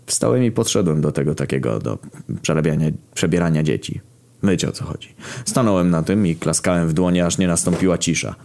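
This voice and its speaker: A man with a very deep, low voice tells a rude comic tale in the first person. He keeps the narration deadpan and steady, breaking into loud outbursts now and then. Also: gravelly. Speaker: storyteller.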